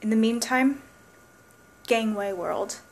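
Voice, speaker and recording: A young actress performs a wry, wounded woman thinking aloud in a searching theatrical soliloquy. Her voice sits fairly high. She muses her way between quiet grief and bitterness, as in a dramatic stage monologue. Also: slow, slight background noise. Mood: quiet, resigned. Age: young adult. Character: embittered, wry, grieving woman who loves musicals. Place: small plain room indoors.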